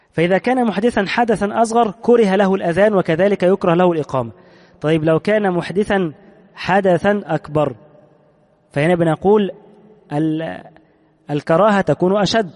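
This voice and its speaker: A man's voice: sits high, darkish tone, big-room sound. A man with an Egyptian accent giving a religious lesson. He reads a line from a text, then explains it in plain speech and puts questions to himself. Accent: Egyptian Arabic. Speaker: sheikh teaching a jurisprudence text.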